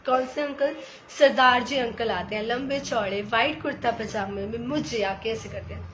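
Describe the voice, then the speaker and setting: High-voiced woman telling a devotional story. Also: moderate pace, slight background noise. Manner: animated, mixes English phrases into Hindi; addresses listeners as sangat ji. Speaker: devotee sharing a personal satsang. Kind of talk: emotional personal testimony.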